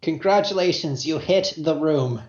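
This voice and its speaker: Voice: mid-range voice, moderate pace, darkish tone. A game master running a tabletop role-playing game, improvising narration and calling for rolls. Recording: echoey, dull room recording.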